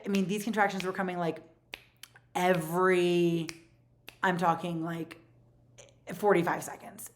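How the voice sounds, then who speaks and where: A woman in her forties with a low voice tells a personal story, vlogger-style. She retells it rapidly and animatedly, casual in tone and full of fillers.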